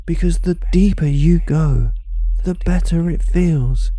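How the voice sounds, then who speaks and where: A male hypnotist delivers a trance induction at a very unhurried pace. His voice is soft, calm and deeply mellow, often falling into a breathy whisper. He coaxes and commands in repeated phrases, recorded close and dry. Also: dry recording.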